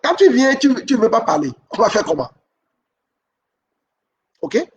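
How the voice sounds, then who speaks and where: The recording is muffled and the mic distant as a man with a notably high voice gives steady, instructive relationship advice. Repetition drives his points home, and he regularly stops to check that his audience keeps up.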